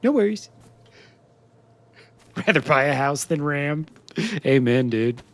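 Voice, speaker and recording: Lively, animated male streamer in a dry room. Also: takes it slowly, dry recording. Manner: chatty, laughs often, lively swings in pitch. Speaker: streamer playing a role-play character. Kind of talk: live gameplay role-play chat.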